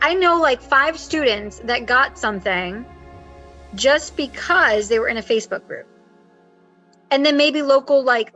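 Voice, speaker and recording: A woman acting coach talks in a lively, chatty way on a video call. Her voice is bright and fairly high. The call audio is a little muffled, with faint music behind. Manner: animated and chatty, with frequent fillers. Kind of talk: casual advice chat. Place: home, with construction noise outside.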